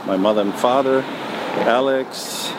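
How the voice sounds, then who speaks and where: A man answering interview questions in a relaxed, hesitant way, with many ums and restarts. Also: medium pitch, unhurried. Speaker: music producer guest. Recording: noisy background.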